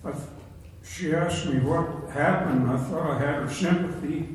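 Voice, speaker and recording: A man's voice: on the high side, a little slow. Older man telling folksy stories in a big echoey room. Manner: folksy, chuckling through anecdotes. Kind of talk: casual storytelling to a group. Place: large echoey room with a group. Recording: very echoey room, mic from a distance, faint noise.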